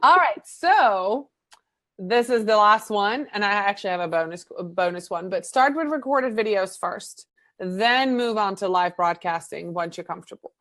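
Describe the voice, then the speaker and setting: A woman's voice: mid-range voice, moderate pace, no room sound. Chatty Dutch woman, dry sound. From Netherlands. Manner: chatty, animated, fills with "um" and "you know". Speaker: guest marketing coach. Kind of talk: casual video interview.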